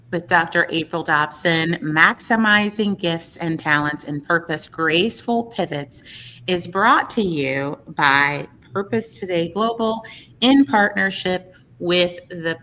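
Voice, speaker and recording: Bright upbeat woman podcast host. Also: fairly low pitch, a little hiss or hum. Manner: upbeat, enthusiastic. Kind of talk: podcast interview hosting.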